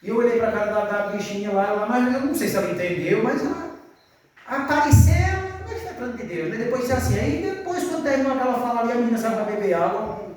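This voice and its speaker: A man's voice: very high-pitched, animated, quick pace, a little mellow. A man preaching a sermon in church, folksy and questioning, calling his listeners brother. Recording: very echoey church, mic far off.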